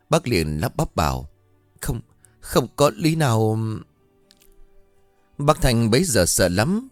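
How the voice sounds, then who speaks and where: A man narrating a ghost story in an expressive, animated way. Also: lowish voice, dry recording.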